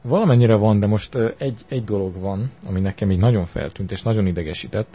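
Dry low-voiced radio co-host. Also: male voice, slight background noise. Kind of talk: casual chat. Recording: compressed lo-fi radio archive.

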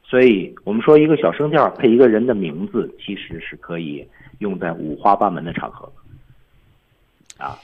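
A man's voice: fairly low pitch, moderate pace, slightly rough, phone-quality sound. A man teaching English on a radio lesson, explaining film lines step by step.

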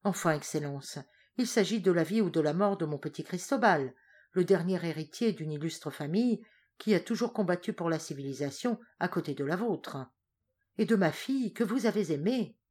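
A woman's voice: fairly low pitch, lively intonation, moderate pace, darkish tone, slightly rough. Frantic nobleman begging a ruler for help, urgent and imploring, read by a woman. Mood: pleading. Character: desperate aristocratic father pleading for his children.

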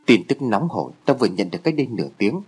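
A man voicing an excitable, nosy teenage boy who bickers urgently with his friend while reading a horror story aloud. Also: on the low side, fast talker, husky. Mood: eager.

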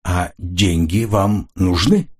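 A man voicing a cool, measured older colonel who questions calmly and dryly in an audiobook. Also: sits low, breathy edge, exaggerated voice. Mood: probing. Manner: calm, dry, probing.

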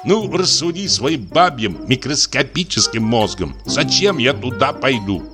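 A man's voice: medium pitch, very animated, unhurried, over music. A man voicing a drowsy, grumbling assistant prosecutor who brushes off his wife's fears. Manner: drowsy, grumpy and dismissive. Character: sleepy, grumbling male assistant prosecutor, middle-aged.

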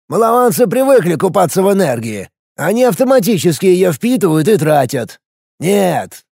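A man's voice: high-pitched, vocal fry, a little mellow, no echo, clean studio sound, pitched above the performer's own voice, full character voice. A man doing an anxious, pleading minister. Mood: worried pleading.

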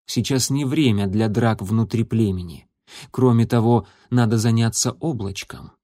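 A man's voice: fairly low pitch, normal speed, no echo. Man narrating a story, dry sound. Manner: even, storytelling delivery. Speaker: audiobook narrator. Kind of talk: scripted narration. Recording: dry close recording.

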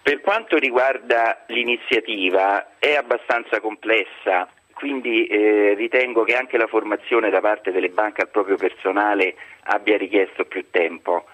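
A man speaking as a guest expert over a landline phone, explaining rules in a measured, formal way. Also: lowish voice, steady tone, a bit bright. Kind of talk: explaining rules on a radio call-in. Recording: dull lo-fi phone line.

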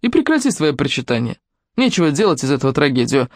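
A woman's voice: sits low, big pitch swings, quick pace, no room sound, clean studio sound. A woman voicing an abusive middle-aged stepfather in an audiobook, speaking in a sweet, wheedling voice that turns threatening. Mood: menacing. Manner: wheedling, honeyed voice turning to threatening shouts.

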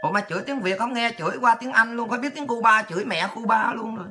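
A woman's voice: on the high side, quick pace, bright, forceful tone. A woman hosts a political livestream, scolding and mocking in a profane rant. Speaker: political talk show host.

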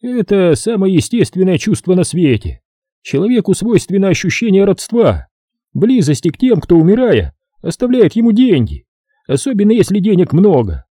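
A glib, soothing male doctor from an audiobook, put on by a male reader. He chatters on in a raised, husky voice with a very dark tone. The recording is dry and close. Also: sits high, big pitch swings, normal speed, dry recording, voice pushed up, exaggerated voice. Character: smooth, chatty male doctor, oddly calm.

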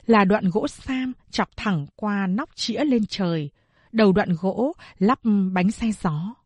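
A woman narrating a novel as an audiobook in a steady storytelling manner. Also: mid-range voice, slightly rough, no echo.

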